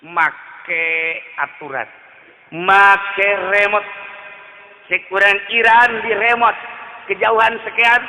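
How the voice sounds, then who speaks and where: A man with a Sundanese accent preaching a sermon in lively storytelling style, joking and dropping from loud calls to hushed asides. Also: sits high, slow pace, long reverb tail, poor audio.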